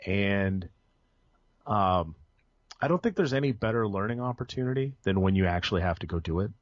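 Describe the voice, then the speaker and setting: A young man guesting on a podcast chats casually about his IT work, rambling with lots of ums, restarts, and self-corrections. His lowish voice has lively intonation at a moderate pace, and the conversational interview is captured in dull, dry, lo-fi audio.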